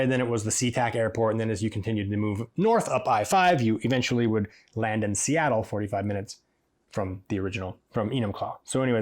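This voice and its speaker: This hairdresser and podcast host from Washington State, USA, has a mid-range, slightly mellow voice. He rambles through casual stories in a chatty monologue, perking up whenever he quotes someone.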